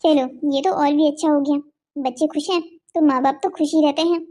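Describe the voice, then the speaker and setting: A content older mother-in-law in a cartoon, voiced by a woman. She speaks mildly and agreeably in a high but mellow, dark-toned voice. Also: steady tone, moderate pace, lightly acted.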